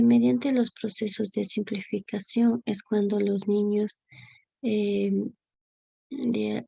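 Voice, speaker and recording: A young woman giving a class presentation, halting with many fillers and restarts. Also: mid-range voice, creaky, warm tone, husky, no echo. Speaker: student presenter.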